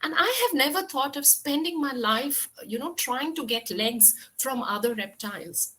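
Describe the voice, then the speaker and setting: A woman voicing a calm, puzzled male snake in a told story, speaking plainly. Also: high-pitched, moderate pace.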